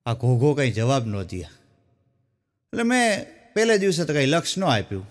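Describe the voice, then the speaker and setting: A man, a stand-up comedian telling folksy joke stories and dropping his voice low when he quotes people. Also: sing-song, measured pace, in a large hall. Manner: folksy storytelling, drops low for quoted characters.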